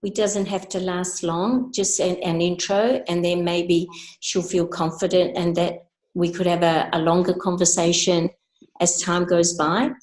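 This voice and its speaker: A woman's voice: lowish voice, level tone, unhurried. Rambling older woman, roomy sound. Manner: warm, rambling, repeats words. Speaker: guest speaker. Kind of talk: casual video call chat.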